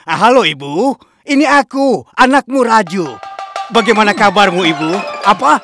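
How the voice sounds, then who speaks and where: A brash, bossy cartoon fellow on a payphone call to his mother. His voice sits high and swings up and down as he talks into the receiver. Cartoon music plays behind him. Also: lively intonation, normal speed, bright, forceful tone, no echo, studio quality, heavily acted. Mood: sweet, patient. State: talking into a payphone, one side of a call. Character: pushy young man phoning his mother. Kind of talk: cartoon dub acting. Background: cartoon background music.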